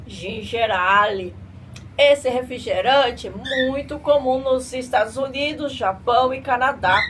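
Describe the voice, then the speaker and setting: A middle-aged woman with a fairly high voice hosts a drink-tasting vlog like a cute anime streamer. She speaks somewhat slowly, with cutesy Japanese catchphrases. The recording is made at a home table with clear ambient noise behind her. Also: fairly bright tone, rough recording. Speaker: vlogger reviewing drinks. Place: tiled home room at a table. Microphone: camera a short distance away.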